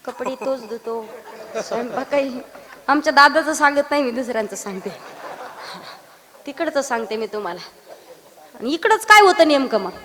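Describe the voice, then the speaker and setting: A woman from Maharashtra, preaching a kirtan sermon and teasing her listeners with acted dialogue and loud outbursts. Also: high voice. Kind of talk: Marathi kirtan sermon with sung verses. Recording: reverberant hall.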